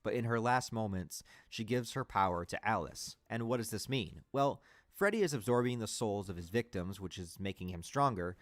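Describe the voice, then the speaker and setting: A man's voice: fairly low pitch, expressive, normal speed, few pauses, no echo. A man giving a casual film critique, with sarcastic, exasperated commentary. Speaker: film reviewer.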